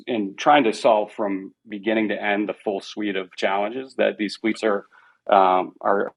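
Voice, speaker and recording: A man's voice: lowish voice, muffled recording. A man guest on a business talk show, answering at length with many restarts. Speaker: company guest. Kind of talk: interview answer.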